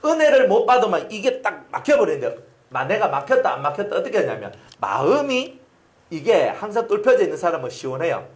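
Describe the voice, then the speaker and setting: A man's voice: high-pitched, very animated, brisk. A male pastor with a Gyeongsang accent preaching a sermon, telling stories with sound effects and questions to the congregation. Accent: Gyeongsang Korean. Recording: roomy echoing hall.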